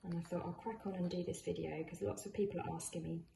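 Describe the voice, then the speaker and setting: A woman's voice: on the low side, fairly even intonation, fast talker. A woman talking informally through a craft tutorial in a chatty, encouraging, conversational way. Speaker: sewing tutorial presenter. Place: indoors in a room at home. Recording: echoey room, clear background noise of drilling. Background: builders' drilling and work noise.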